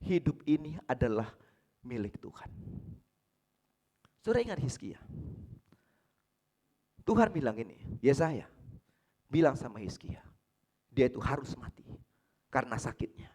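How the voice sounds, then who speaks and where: A man with an Indonesian accent delivers a sermon as a pastor at a church service. His pitch rises and falls in a lively, animated way. He keeps asking rhetorical questions, answers them himself, and swings from loud emphasis to near whispers. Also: measured pace, long pauses.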